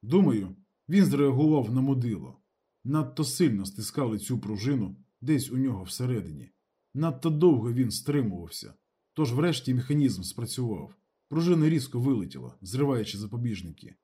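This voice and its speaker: A man narrating a literary audiobook in a lively, expressive reading. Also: medium pitch, normal speed, breathy edge.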